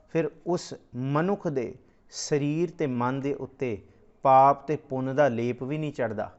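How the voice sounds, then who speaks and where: A man giving a scripture discourse, moving between slow, drawn-out chanting of verses and plain explanation. His voice sits at an ordinary middle pitch. The recording sounds dull and muffled. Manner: chants scripture lines slowly, then explains them. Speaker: Sikh scripture teacher. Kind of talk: religious discourse.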